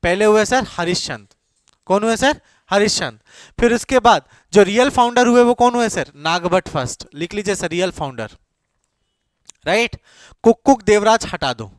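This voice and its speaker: A man with a high, light voice runs an exam-prep class, firing the same question again and again before he answers it himself. He slips English phrases into his speech and. The sound is dry, close and free of room echo. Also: expressive, moderate pace. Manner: quizzes students with repeated questions, then answers himself. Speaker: coaching teacher.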